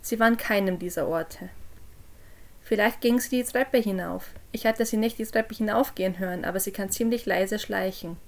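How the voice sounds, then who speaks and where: A woman narrating a creepy first-person story for a podcast, dropping low and quiet on the eerie moments. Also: moderate pace. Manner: drops low and quiet on eerie lines, raises voice for called-out quotes. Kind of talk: scripted horror story narration.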